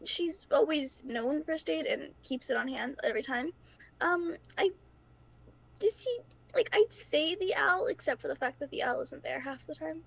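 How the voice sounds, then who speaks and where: A woman's voice: sits high, lively intonation, moderate pace, gravelly, a bit bright, poor audio. A woman who is sick with a cough, chatting casually as a player on a tabletop show. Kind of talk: casual chat.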